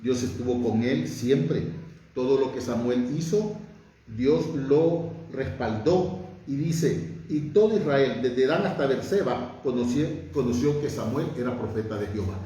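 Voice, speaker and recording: A man's voice: medium pitch, measured pace, mellow. A man preaching a sermon, fervent and emphatic, his voice rising on key words. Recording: very echoey room, from far off.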